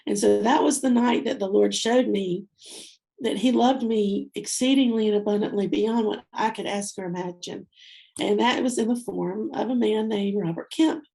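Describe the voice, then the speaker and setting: Guest, woman, 50s: warm, gravelly, teary storyteller who goes soft and slow at tender moments. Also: mid-range voice, fairly even intonation. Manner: heartfelt, softens and slows at tender moments. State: teary-eyed. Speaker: guest speaker. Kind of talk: personal storytelling in an interview.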